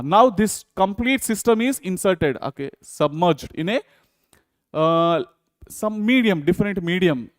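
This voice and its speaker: High-voiced Indian male physics teacher. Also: clear, resonant tone, no echo, clean studio sound. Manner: repetitive check-in questions to students. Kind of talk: exam problem walkthrough, lecturing.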